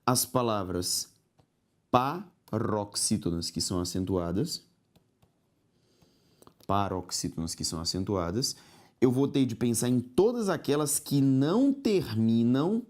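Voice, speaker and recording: A Brazilian man teaching grammar in a recorded exam-prep lesson, talking straight to the student, spelling out syllables slowly and tagging points with a rising "ok?". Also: medium pitch, big pitch swings, darkish tone. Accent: Brazilian Portuguese. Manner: didactic, addresses student directly with frequent "ok?".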